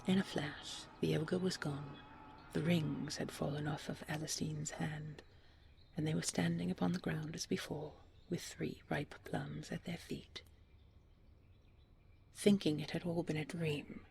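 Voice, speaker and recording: Reading a scripted bedtime fairy tale as a storyteller, a woman speaks in a soft, breathy, soothing way without hurrying. Her voice sits low and her delivery is flat, with a noisy background behind her.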